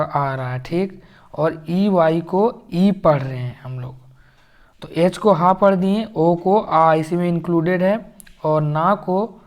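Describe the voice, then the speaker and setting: A man teaching English phonics, sounding out words slowly and repeating them. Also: fairly high pitch. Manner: slow, repetitive, drawn-out word sounding. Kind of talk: phonics lesson.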